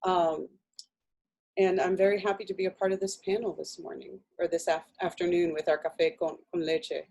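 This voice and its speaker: A woman from New Jersey, Spanish her first language, speaking on a panel with many pauses. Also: on the low side, level tone, vocal fry, a little mellow. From New Jersey, United States. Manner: measured, many pauses and fillers. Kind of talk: panel discussion.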